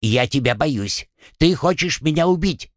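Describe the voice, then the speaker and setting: A man's voice: fairly high pitch, expressive, measured pace, dry recording, clean studio sound, voice pushed up. A man voicing a cowardly, crude little male gremlin with a whiny, bleating manner in an audiobook.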